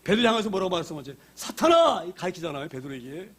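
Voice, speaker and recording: High-voiced Korean-speaking pastor preaching animatedly. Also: male voice, fairly quick. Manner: animated preaching with sudden loud outbursts and dramatized quotes. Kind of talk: sermon.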